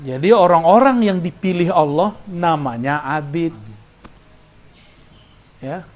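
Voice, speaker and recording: Middle-aged Indonesian-accented man, preacher, slightly high pitch, teaching tone with light humor. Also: slow, a little mellow, lo-fi sound. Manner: explains Arabic terms, jokes with listeners. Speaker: Islamic preacher. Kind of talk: religious lecture.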